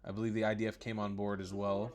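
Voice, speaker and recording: A man's voice: lowish voice, level tone, quick pace. A man hosting his own channel, giving mocking, sarcastic commentary on news clips, often laughing and swearing. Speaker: political commentary host.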